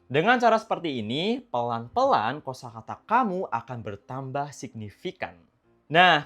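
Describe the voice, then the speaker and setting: A young woman giving casual, chatty, encouraging English-learning tips in a vlog. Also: low-pitched. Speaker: English tutor vlogger.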